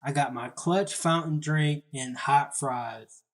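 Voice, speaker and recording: Male narrator, comic storytelling, unhurried laid-back delivery. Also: fairly high pitch.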